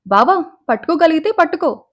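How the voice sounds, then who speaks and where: A woman's voice: extremely high pitch, lively intonation, brisk, voice pushed up. A woman voicing a playful, teasing girl who grows into a young woman, in a storybook reading. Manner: teasing, chirpy.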